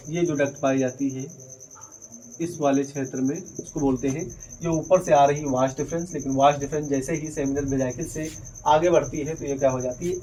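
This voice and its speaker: A man's voice: mid-range voice, warm tone, a little hiss or hum, poor audio. Man teaching a biology lesson. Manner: explains step by step, asks and answers his own questions. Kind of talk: whiteboard lesson.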